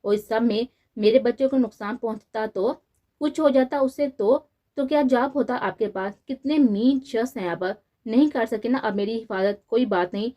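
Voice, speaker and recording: A woman reading the lines of a hurt, angry young wife in an audio novel, sharp and bitter. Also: a little high, moderate pace, highs cut off, natural voice.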